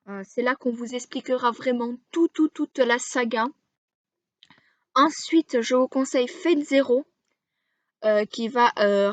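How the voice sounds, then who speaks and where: A woman with a high, light voice talks slowly through a list, stopping often to find her next word. The sound is dull and lo-fi, with a dry, close feel and no room echo. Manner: halting, frequent hesitations while listing titles. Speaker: anime video creator. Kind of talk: casual explainer to camera.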